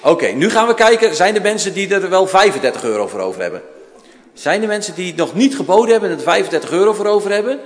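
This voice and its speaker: A man's voice: high voice, animated, quick pace. A man working as an informal live auctioneer, calling out counts and repeating prices to a room. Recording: reverberant hall.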